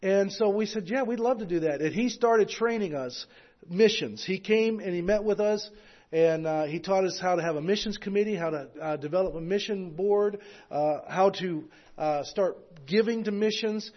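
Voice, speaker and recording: Male missionary preacher, high voice, earnest, halting restarts, muffled lo-fi recording. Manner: earnest, with rising preaching intensity; hesitant, with repeated restarts. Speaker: missionary speaker. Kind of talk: sermon.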